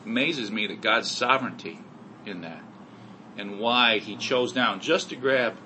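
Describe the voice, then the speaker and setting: A man's voice: fairly low pitch, unhurried, bright, forceful tone, slight background noise, rough recording. A middle-aged man giving an earnest personal testimony to a congregation, with many "you know" fillers. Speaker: speaker sharing testimony.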